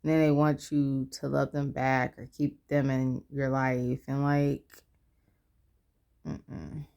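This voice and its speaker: A woman's voice: rumbling low, little pitch movement, takes it slowly, gravelly, warm tone. A tired woman in her twenties talking candidly in a personal vlog, rambling and losing her train of thought. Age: 20s. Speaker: vlogger.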